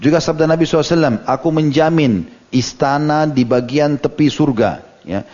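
Fast-talking male preacher, lo-fi recording. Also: fairly high pitch, a little mellow. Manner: storytelling, retells hadith with quoted dialogue and asides. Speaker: Islamic preacher. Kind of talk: religious study lecture. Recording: dull lo-fi audio recording.

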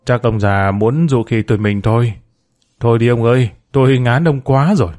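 A man's voice: mid-range voice, moderate pace, darkish tone, close to an everyday voice. A man reading as a sullen, fed-up teenage son.

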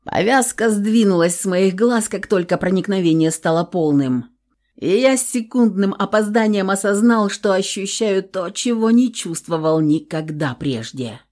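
A woman narrating a first-person audiobook in an even, measured reading. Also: medium pitch.

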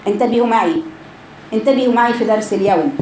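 A woman's voice: fairly high pitch, fast talker, a little mellow. A woman with an Egyptian accent teaching Quran recitation. She explains the rounded vowel, sounds it out to show it, and quizzes her students. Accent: Egyptian Arabic. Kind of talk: Egyptian Arabic lesson with spoken sound demonstrations. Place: recorded class session. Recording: echoey room with background noise.

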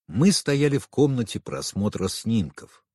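A man reading a novel aloud in first person, with a dramatic, expressive delivery. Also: medium pitch, a little slow, slightly rough, no echo, clean studio sound. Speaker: audiobook narrator. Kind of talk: scripted first-person narration.

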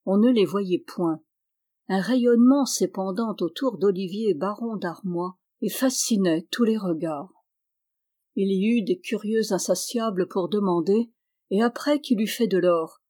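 A woman narrating a classic novel as an audiobook reader, with an even, measured reading. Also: medium pitch.

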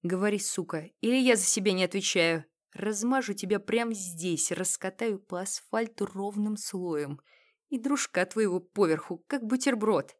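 A woman's voice: mid-range voice, lively intonation, normal speed, close to an everyday voice. A woman reading the lines of a cold male thug who makes blunt, snarling threats.

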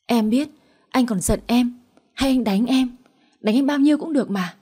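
A woman voicing a guilt-ridden young wife who pleads tearfully, in a slightly husky voice. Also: on the high side, animated, fast, dark tone. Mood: pleading.

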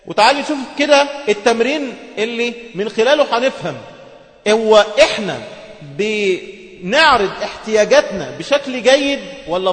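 An Egyptian man with a notably high voice talks through a communication skills lesson. He explains patiently and acts out brief example dialogues along the way. The recording sits in a large, reverberant hall. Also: fairly bright tone. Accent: Egyptian Arabic. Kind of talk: instructional talk to women viewers. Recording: echoey hall with long reverb.

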